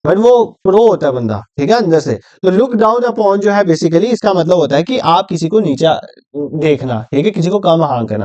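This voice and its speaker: A man's voice: high voice, darkish tone, no room sound, highs cut off. A man teaching an exam revision lecture, chatty and motivational, mixing Hindi and English.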